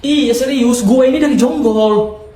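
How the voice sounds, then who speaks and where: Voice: medium pitch, measured pace, dark tone. A performer acting out short comedy skits.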